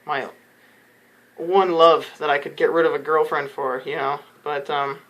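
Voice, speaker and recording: A man's voice: fairly high pitch, little pitch movement, a little slow, fairly bright tone, lo-fi sound. A man giving casual audition advice to camera as a casting director, rambling through tangents with many "um"s and "you know"s.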